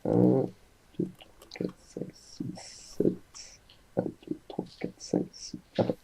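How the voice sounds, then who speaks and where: A gaming video host with a slow, mellow male voice runs a casual multiplayer farming game session. He chats with friends and addresses viewers, filling his talk with hesitant fillers.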